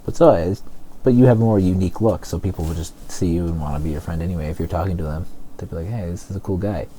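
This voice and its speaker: Lisping young man, deep voice. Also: racing, dark tone, slight background noise. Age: young adult. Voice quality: lisp. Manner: joking, self-mocking. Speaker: podcast co-host. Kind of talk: casual chat. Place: college dorm room.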